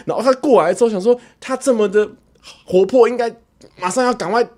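A man with a Taiwanese Mandarin accent telling a story casually on a livestream, animated and stammering through repeated words as he acts it out. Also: very high voice, fairly quick. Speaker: livestreamer and YouTuber.

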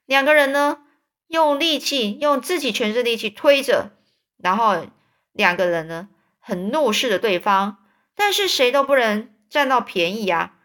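A woman's voice: a little high, fairly bright tone. A woman retelling a children's story in a loose, casual way, with fillers and repeats.

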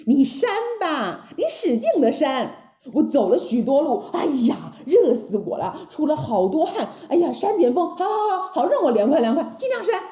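Woman doing a cheeky loud monkey king. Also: sits high, sing-song, moderate pace, echoey room, voice pushed up. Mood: cocky teasing. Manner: loud, playful, teasing.

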